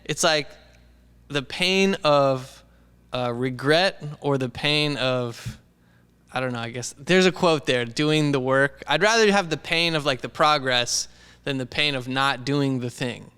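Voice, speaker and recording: A man co-hosting a casual podcast chat in an animated, reflective, informal way. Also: medium pitch, a little slow, clean tone, in a large hall. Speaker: podcast co-host; video editor. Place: indoors.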